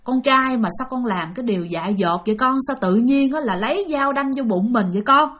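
A distraught mother pleads through tears, lamenting over her son in a spoken ghost story, as a woman narrator puts her on. Her voice stays high and heartfelt. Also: expressive, a little fast, a bit bright. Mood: pleading.

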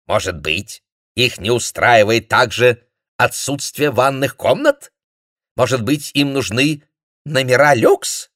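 A man voicing an irate male German camp commandant with a croaking voice who bellows his orders. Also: medium pitch, big pitch swings, takes it slowly, fairly bright tone, no echo, clean studio sound, voice pushed up. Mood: mocking.

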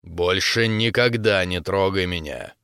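A man voicing a grim, stubborn young male warrior who talks in a gruff, brooding way. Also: mid-range voice, expressive, moderate pace, a bit bright, dry recording, studio quality, lightly acted.

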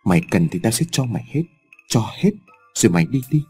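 A man voicing a guilt-haunted, volatile old farmer who stammers and shouts. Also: on the low side, sing-song, quick pace, slightly rough, faint music behind, exaggerated voice. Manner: shouting, stammering, then sobbing.

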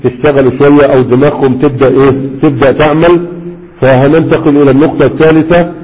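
A man's voice: mid-range voice, steady tone. Egyptian male teacher, classroom lecture, quizzes the room, dull audio with a long hall reverb. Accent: Egyptian Arabic. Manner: quizzes students, frequent drawn-out fillers. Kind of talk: classroom grammar lesson.

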